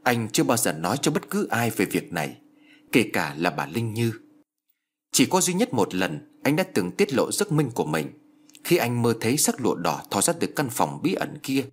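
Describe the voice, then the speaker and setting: A man's voice: medium pitch, husky. A man narrating a horror story in a scripted, dramatic storytelling style.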